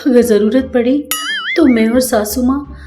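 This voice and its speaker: A woman as a gentle, soothing daughter-in-law. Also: on the high side, fairly even intonation, measured pace, music in the background, lightly acted. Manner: soothing, coaxing.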